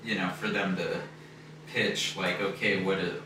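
Deep-voiced man in an echoey room. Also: flat delivery, moderate pace. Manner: loose and rambling, heavy on fillers. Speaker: podcast co-host reviewing a film. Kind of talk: casual chat. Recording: very echoey room, distant mic, noisy.

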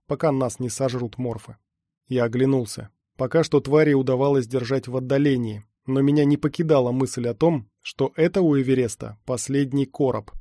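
A man reading a first-person action story aloud at a steady pace as an audiobook narrator. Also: medium pitch, no room sound, studio quality. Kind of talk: scripted narration.

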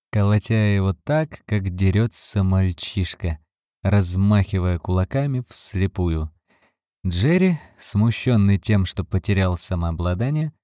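A man narrating an audiobook in a measured, deliberate way. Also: deep voice, mellow, dry recording, clean studio sound.

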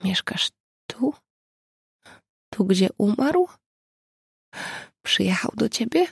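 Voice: medium pitch, fairly even intonation, measured pace, creaky, darkish tone, husky, no room sound, clean studio sound, heavily acted. A reader voicing a weak, grieving pregnant young woman who speaks in a faint whisper. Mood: despairing.

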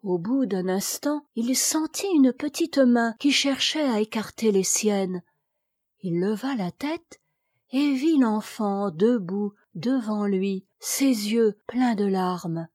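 Slow-reading woman narrator. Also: mid-range voice, expressive, darkish tone, no echo, clean studio sound. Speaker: audiobook reader. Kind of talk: scripted storybook narration.

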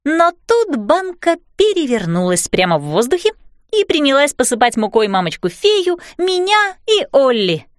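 A woman reading a children's storybook aloud in a lively, animated style. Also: high voice, normal speed, no echo, studio quality. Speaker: audiobook narrator. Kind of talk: expressive storybook narration.

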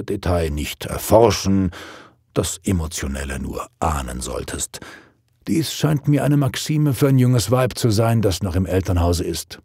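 A man voicing a stern, proper father who lectures his daughter in a strict, measured way. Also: sits low, mellow, slightly rough, no echo, studio quality, heavily acted.

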